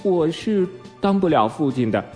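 A man's voice: high-pitched, moderate pace, dark tone, soft background music, pitched above the performer's own voice, close to an everyday voice. A man voicing a humble, gloomy little boy who speaks meekly and downheartedly. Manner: meek, downcast.

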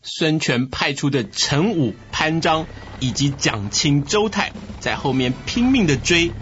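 A man narrating a comic historical tale in crosstalk style, animated and playful. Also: fairly high pitch, unhurried, highs cut off, a little hiss or hum. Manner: animated, playful, laughing between lines. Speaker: comic storyteller.

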